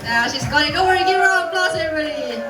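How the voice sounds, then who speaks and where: Speaking very fast and expressively in a high voice, a Singaporean-accented woman leads a live zookeeper talk, playfully and cheerily urging the crowd to take part. Filmed from the audience at an open-air covered zoo viewing stand, her handheld PA mic plays through echoey speakers, heard from afar amid crowd noise and background music.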